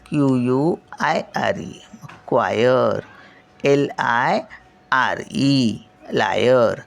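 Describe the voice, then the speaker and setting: Older grandmother teaching kids spelling; very unhurried, letter-by-letter delivery with check-ins. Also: extremely low pitch, gravelly. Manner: spells out each word slowly then says it, checking with "हं?". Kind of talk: slow spelling lesson, letter by letter.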